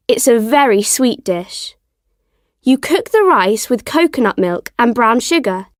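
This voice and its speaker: A woman reading the part of a cheerful young girl in a slow, careful textbook style for learners. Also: on the high side, no echo, clean studio sound. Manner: slow, lilting textbook delivery.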